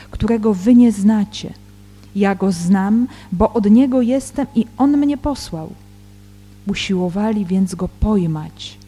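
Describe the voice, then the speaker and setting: A woman acting as a Bible teacher, reading scripture aloud in a slow, deliberate way and then explaining it with some hesitant fillers. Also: medium pitch, dark tone, breathy edge. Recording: long reverb with faint background music.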